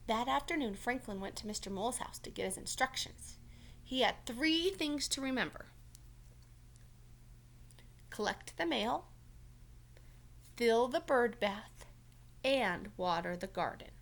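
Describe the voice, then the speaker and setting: A teacher reads a storybook aloud to young children, encouraging them and stopping to ask questions. Her voice is a little high and expressive, unhurried, with long pauses.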